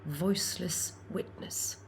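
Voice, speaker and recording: In a dramatic reading of a philosophical futuristic story, a woman plays a thoughtful, tender hero, lightly acted with a mood of hushed reverence. She speaks contemplatively, pausing mid-phrase, over slight background noise.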